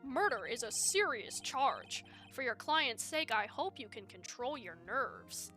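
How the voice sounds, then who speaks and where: Woman doing a formal old judge, slow measured delivery, bright voice, game playthrough. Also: a little high, sing-song, soft background music, heavily acted. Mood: stern. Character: stern older male judge.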